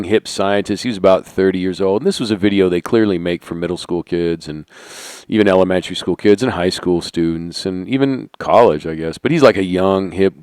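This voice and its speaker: A middle-aged man holding a conspiratorial monologue, asking rhetorical questions and sinking into quiet asides. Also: deep voice, smooth, no echo. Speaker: channel host. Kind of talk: monologue to camera.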